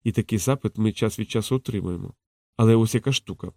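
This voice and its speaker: A man reading a calm, knowing courtesan in a soft, low and hushed voice. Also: quick pace, creaky, no echo, studio quality. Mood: teasing. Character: frank, teasing courtesan woman, calm and knowing.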